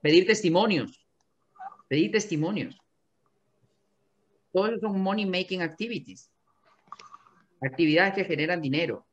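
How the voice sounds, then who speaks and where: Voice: mid-range voice, normal speed, long pauses, dull audio. A real estate sales coach giving an emphatic coaching talk to agents, often repeating key phrases.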